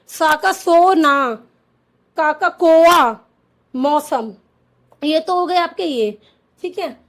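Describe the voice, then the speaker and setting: A woman teaching a lesson to camera, explaining slowly and repeating sounds, often asking a question and answering it herself. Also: sits high. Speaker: Hindi teacher.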